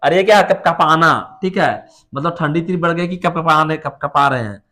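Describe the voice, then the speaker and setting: A man's voice: on the high side, moderate pace, sharp tone. A man teaching English vocabulary to a class, explaining words with everyday examples and putting questions to his students.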